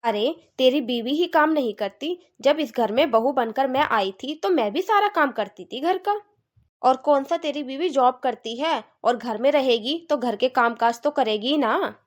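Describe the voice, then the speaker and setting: A woman's voice: high voice, animated, moderate pace. A woman voicing a bossy, complaining middle-aged mother-in-law in a cartoon, nagging and scolding.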